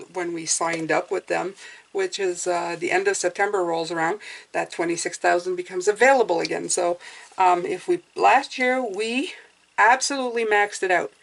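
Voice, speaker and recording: A woman's voice: fairly low pitch, poor audio. A woman with a whistling s, talking casually through her budget as a hands-on vlogger. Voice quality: whistling s from clear aligners.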